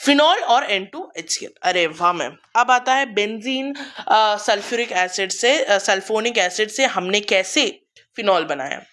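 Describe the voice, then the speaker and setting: A woman's voice: mid-range voice, unhurried, a bit bright. A young woman teaching chemistry in a lecture, repeating each step and quizzing her students as she goes. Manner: repeats steps and quizzes students, calls them beta. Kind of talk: Hindi-English classroom lecture.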